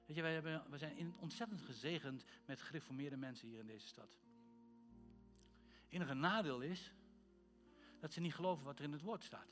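A man preaching a sermon and praying, fervent and building to loud calls. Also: fairly high pitch, fairly quick, long pauses, faint music behind. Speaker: pastor. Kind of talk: sermon with prayer.

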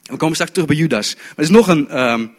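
Fairly high-voiced male preacher, storytelling sermon, stumbling repeats, long hall reverb. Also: animated, fast.

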